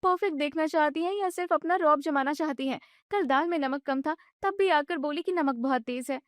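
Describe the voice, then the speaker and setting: A woman voicing a young newlywed daughter-in-law who argues back in a high, exasperated voice. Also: brisk, no echo, clean studio sound, close to an everyday voice. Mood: complaining. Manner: high, protesting complaints.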